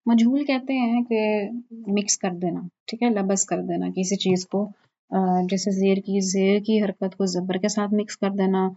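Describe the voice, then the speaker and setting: Lady teaching tajweed, drops english words in, slow recitation bits, muffled lo-fi audio. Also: mid-range voice, mellow. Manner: explains in Urdu mixed with English words, recites verses slowly to show mistakes. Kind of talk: informal online lesson. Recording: dull lo-fi recording.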